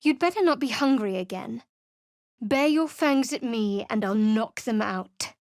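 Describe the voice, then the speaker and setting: A female voice actor brings a sardonic, guarded young cleric to life for a game, sitting close to a studio microphone. Her voice leans high and animated at a measured pace, while the mood stays dry, cool and sardonic.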